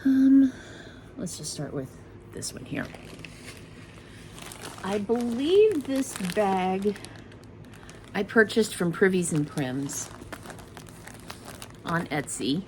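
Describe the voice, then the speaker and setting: A woman's voice: mid-range voice, very animated, drawn-out words, long pauses, a little mellow, slight background noise, poor audio. A middle-aged woman chatting casually and rambling a bit as she shows off her craft kits, often correcting herself mid-sentence. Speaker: cross-stitch vlogger. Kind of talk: casual show-and-tell chat.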